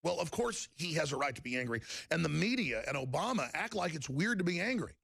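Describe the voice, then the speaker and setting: A male talk radio host with a gravelly, fairly high voice tears through a fiery monologue. He talks fast and emphatically, pushing toward near-shouts. The sound is dry and close to the studio mic. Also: sing-song, no room sound.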